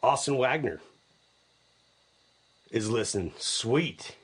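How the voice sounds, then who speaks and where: A man's voice: mid-range voice, lively intonation, slow pace, husky. A middle-aged man hosting a live podcast, chatting casually and enthusiastically, often repeating his words as he goes. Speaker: podcast host.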